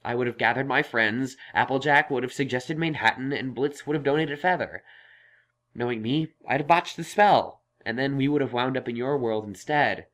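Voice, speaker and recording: This man plays a young male unicorn scholar in audio story dialogue, earnestly explaining things in a thoughtful, reassuring way. His medium-pitched, slightly bright voice moves at a moderate pace and sounds close to an everyday voice.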